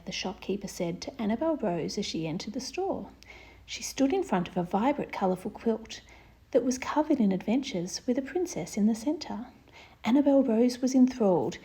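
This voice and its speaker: A woman with a slightly high, mellow voice and some vocal fry presents story time. She reads a picture book aloud expressively, addressing young listeners directly.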